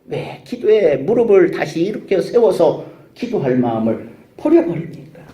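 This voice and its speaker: A male pastor delivers a sermon in a church sanctuary with plenty of echo, emphatic and full of rhetorical questions and hallelujahs. He speaks at a normal speed in a mellow voice that sits somewhat high and swings widely in pitch.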